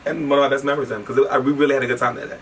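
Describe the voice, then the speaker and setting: A man telling a personal story in casual chat, animated and quick to laugh, swearing freely. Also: mid-range voice. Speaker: interviewee telling a shared story. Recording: distant mic with faint background noise.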